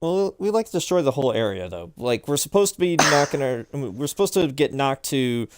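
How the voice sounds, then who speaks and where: A man's voice: medium pitch, lively intonation, brisk, heavy background noise. A man chatting casually as he plays a video game, explaining how things work in an informal way. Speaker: gamer playing online matches. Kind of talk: casual gaming chat, explaining game mechanics. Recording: music playing behind the voice. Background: music.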